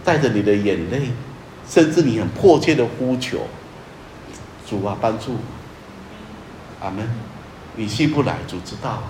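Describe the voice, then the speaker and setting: A male pastor preaching in an earnest, emphatic way, with a middle-pitched voice. He repeats key phrases and often sinks to a soft, low tone. The recording is echoey with a faint hiss. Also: expressive, moderate pace. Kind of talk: sermon.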